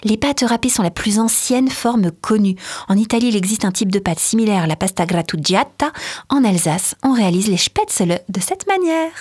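A woman on a podcast sharing food notes in a husky, slightly breathy voice. She talks in a chatty, enthusiastic way, pausing with fillers as she goes. Her pitch sits mid-range. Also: lively intonation, a little mellow. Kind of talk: casual podcast chat.

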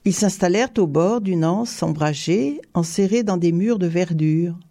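Telling a story at a steady, even pace, this measured audiobook narrator has a mid-pitched voice that is gravelly in texture and dark and mellow in tone.

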